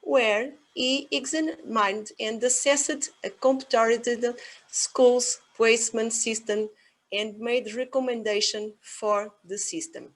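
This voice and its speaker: A woman with a Portuguese accent chairs an online conference session over a video call, hesitating often with fillers and switching between Portuguese and English. Her voice is fairly high and steady, she speaks slowly, and the recording is rough.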